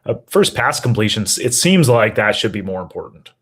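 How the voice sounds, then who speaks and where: Co-host, man, slightly low voice, measured, mulls things over aloud. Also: very animated, a bit bright, slightly rough. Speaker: podcast co-host. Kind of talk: casual chat.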